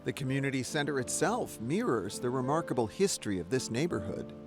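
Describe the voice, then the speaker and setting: A documentary's male host and narrator speaks briskly in a mid-range voice, keeping things wry, lively and conversational while occasionally interviewing people. Music runs beneath the narration.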